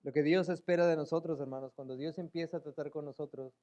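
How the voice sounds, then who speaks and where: High-voiced preacher, emotional sermon. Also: male voice, fairly even intonation, fast, dull audio. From Mexico. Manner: emotional, acts out pleading voices, rises to loud emphatic peaks. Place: church sanctuary.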